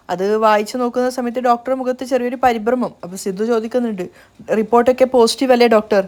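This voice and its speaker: A woman's voice: fairly high pitch, a little mellow. A woman casually retelling a TV serial episode, reading the characters' lines out in her own voice as she goes. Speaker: serial recap narrator.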